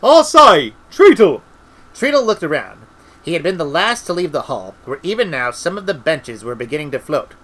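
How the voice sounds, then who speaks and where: Lively middle-aged man reading a comic novel. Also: a little high, brisk, rough recording. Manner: lively, expressive storytelling. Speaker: audiobook reader.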